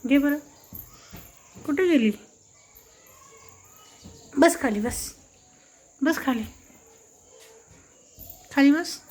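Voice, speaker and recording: A woman with a high voice talks slowly and gently to a small child at home. She coaxes in baby talk and repeats every prompt over and over to get the toddler to answer. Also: a little hiss or hum. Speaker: family member coaxing a toddler to talk. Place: indoors at home.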